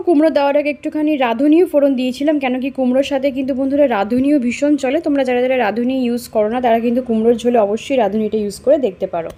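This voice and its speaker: A woman's voice: high voice, dark tone, rough recording. A woman in her thirties from Bengal, chatting casually to viewers as she does housework and cooks at home. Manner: chatty, explains chores to viewers. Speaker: vlogger and homemaker. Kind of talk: casual vlog narration. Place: home kitchen.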